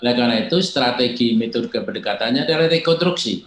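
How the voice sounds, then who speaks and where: An older man talks through his filmmaking methods in a measured, explanatory way, his voice sitting in the middle of the range. He slips into quoted lines now and then, and the recording carries a roomy echo. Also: mid-range voice, expressive. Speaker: film director, guest. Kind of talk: reflective interview answers.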